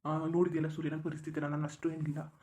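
Someone doing an evasive young cartoon friend, hesitant, apologetic, quick. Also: mid-range voice, monotone, dark tone, lightly acted. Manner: hesitant, full of fillers, apologetic. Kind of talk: cartoon voice acting.

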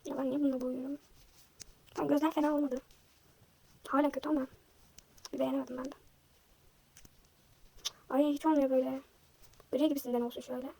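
A young woman vlogger chatting casually while she draws, self-deprecating and thinking aloud, her voice slightly hoarse from a sore throat. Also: sits high, flat delivery, a little fast, pauses often, dark tone. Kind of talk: casual chat while drawing.

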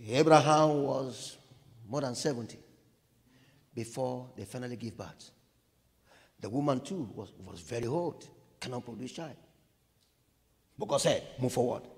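A man from Nigeria with a Nigerian accent, preaching a sermon in call-and-response, swinging from hushed lines to shouts. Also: mid-range voice, lively intonation, measured pace, long pauses, big-room sound.

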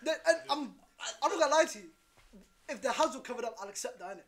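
A young man, co-hosting a podcast in animated, slangy casual chat, often repeating himself. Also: very high voice, racing, crowd noise. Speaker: podcast co-host.

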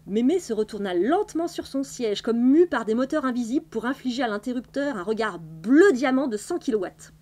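A woman hosting a library live stream, reading a novel aloud in a clear, measured way. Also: on the high side, lively intonation, warm tone. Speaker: library host.

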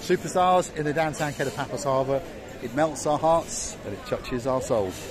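A middle-aged man narrates a walking tour with a teasing, showman's patter, his voice sitting at an ordinary pitch for a man. He talks into a phone camera held at arm's length on a harbour promenade at night. A busy crowd chatters loudly all around him. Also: lively intonation, normal speed. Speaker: vlog co-host and tour guide. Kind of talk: jokey walking-tour commentary.

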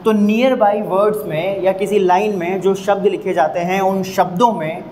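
Explaining a literary term to his students, a man with a Hindi accent repeats himself emphatically and stretches out example sounds as he drills them slowly. His voice is high-pitched and darkish, with fairly even intonation. The recording is low quality, with slight background noise.

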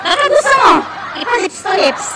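A woman ranting sarcastically at someone, taunting and mocking, sometimes shouting. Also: very high voice, big pitch swings, normal speed. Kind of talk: mocking rant. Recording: clip over loud music and crowd noise.

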